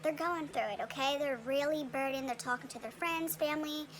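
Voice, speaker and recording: A woman's voice: sits high, fairly quick. A young woman giving a casual tarot reading with a retainer in her mouth, chatty and full of fillers and "okay?" tag questions. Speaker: tarot reader.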